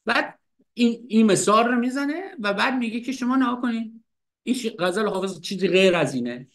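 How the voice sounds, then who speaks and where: A man with a fairly high voice leads a casual lecture on classical poetry. He recites verses slowly and then explains them in lively everyday speech, often stopping to restate the point. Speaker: literature teacher and host.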